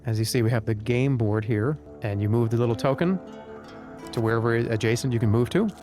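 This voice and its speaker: A man's voice: medium pitch, brisk. Male streamer: casual gameplay talk, mid-range voice, music faintly behind. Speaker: game streamer. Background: game music.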